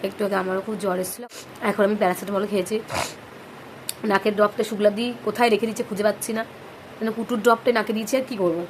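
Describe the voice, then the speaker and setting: A mother with a hoarse voice from a cold, chatting casually to camera at home and coaxing her sick baby now and then. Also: mid-range voice, steady tone, fast. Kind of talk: casual vlog narration. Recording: noisy home recording.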